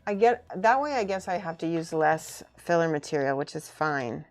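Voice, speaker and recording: A woman's voice: deep voice, expressive, normal speed. A woman chatting casually on a live stream as she works on a craft, informally thinking aloud and muttering to herself. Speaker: streamer building and painting miniature models. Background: music.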